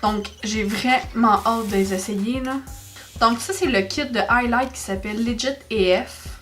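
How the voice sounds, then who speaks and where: A young woman with a Québécois French accent, chatting excitedly through a makeup haul in a casual vlog. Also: a little high, unhurried, faint music behind. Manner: chatty, excitable, exclaims over products. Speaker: beauty vlogger.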